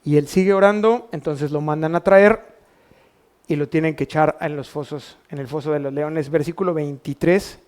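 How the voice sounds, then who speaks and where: Pastor, Mexican Spanish accent, male, lightly raised pitch, preaching with rhetorical questions to his congregation. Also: normal speed, a little mellow, clean tone. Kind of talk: sermon. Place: church.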